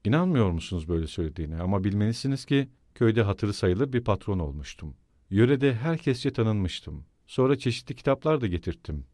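A man's voice: on the low side, expressive, a little fast, warm tone, no echo, clean studio sound. Svidrigailov, a man reading as a brooding landowner. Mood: musing. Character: brooding, eerie middle-aged male landowner, absent-minded. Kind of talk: audiobook character reading.

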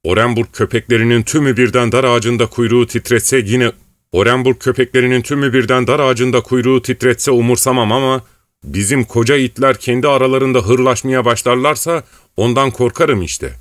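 A man's voice: medium pitch, steady tone, fairly quick, dry recording, pitched above the performer's own voice, lightly acted. Male reader doing a jovial, commanding rebel chief, teasing, dry. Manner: joking, commanding. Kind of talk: audiobook reading.

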